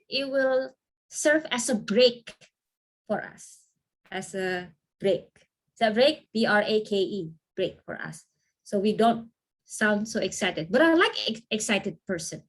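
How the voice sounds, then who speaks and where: Woman, trainer, slightly high-pitched, lively, encouraging, video call. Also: unhurried. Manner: lively, encouraging, asks listeners to confirm. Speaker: trainer answering questions. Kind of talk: online training talk and Q&A.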